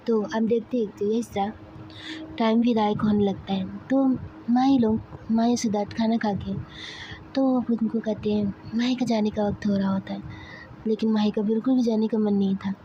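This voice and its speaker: A woman casually narrating a family story, retelling scenes in a steady, even way, on a slightly dull recording. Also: medium pitch, moderate pace, a little hiss or hum.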